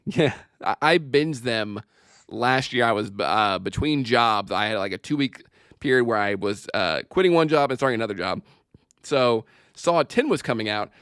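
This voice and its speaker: A man's voice: medium pitch, expressive, moderate pace, fairly bright tone, smooth, no room sound, studio quality. A male comedian chatting casually as a podcast guest, joking and laughing often.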